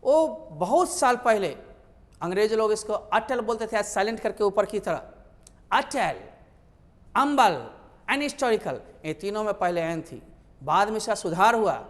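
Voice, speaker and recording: Man, grammar teacher, high voice, lecture, long reverb. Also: big pitch swings, measured pace. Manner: explains by asking and answering his own questions.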